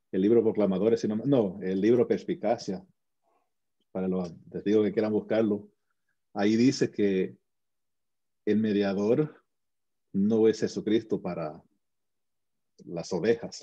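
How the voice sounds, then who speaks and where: A man with a very dark, husky voice speaks as an interview guest, earnest and conversational. He restarts his sentences often and keeps checking in with tag questions. The audio is muffled and lo-fi. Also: on the low side. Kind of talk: casual conversational storytelling.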